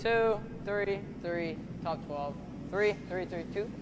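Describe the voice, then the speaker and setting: A young man on the ice in a curling game, making quick, clipped calls to teammates. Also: high-pitched. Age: young adult. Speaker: curler on the ice. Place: indoor curling rink. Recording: echoey arena with rink noise.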